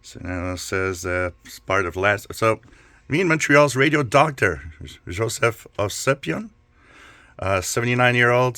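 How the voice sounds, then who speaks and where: A man with a lowish, bright voice and a forceful tone hosts a casual shop tour for his channel, narrating off the cuff inside a small electronics repair shop. The recording has no echo.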